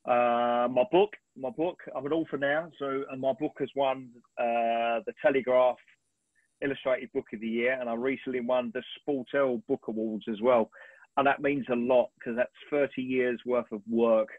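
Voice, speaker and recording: Man in his fifties, husky voice, dry tinny video-call sound, animated rambling storyteller. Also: medium pitch, normal speed, no echo. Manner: animated, rambling storyteller with frequent throat clearing. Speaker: sports photographer guest. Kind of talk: relaxed anecdotal storytelling on a webinar.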